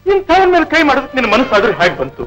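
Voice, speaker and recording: An actor playing a devout, gentle male potter in an old Indian film drama, speaking with earnest, heartfelt feeling. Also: extremely high pitch, wildly swooping pitch, very fast, muffled recording, faint music behind, heavily acted. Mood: reproachful.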